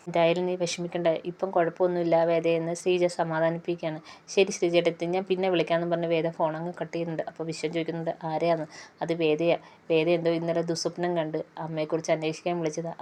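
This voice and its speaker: Fast, flat-voiced woman retelling a serial. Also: fairly low pitch. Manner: rapid flat storytelling, quoting characters without acting them. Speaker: serial episode reviewer.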